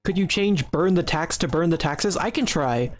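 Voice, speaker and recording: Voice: medium pitch, expressive, moderate pace, soft background music. A streamer giving casual live commentary while making a game, giggly and rambling, often restarting sentences and joking in a mock-serious way to chat.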